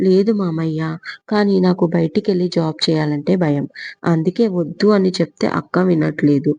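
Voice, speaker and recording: A woman voicing a shy, timid young woman who answers quietly and hesitantly, in a dull lo-fi recording. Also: fairly low pitch, normal speed, creaky, no echo.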